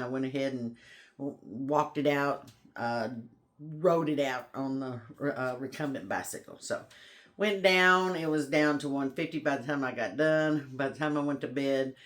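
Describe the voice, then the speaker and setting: Folksy rambling vlogger chatting to camera. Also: medium pitch. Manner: rambling, folksy, says y'all. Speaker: homestead vlogger. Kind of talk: casual chat to camera.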